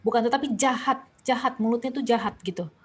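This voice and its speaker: A woman's voice: on the high side, fast talker, slight background noise. A young woman with an Indonesian accent leading an online Bible study discussion, asking questions and reading verses aloud. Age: young adult. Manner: questioning, reads verses aloud, many restarts.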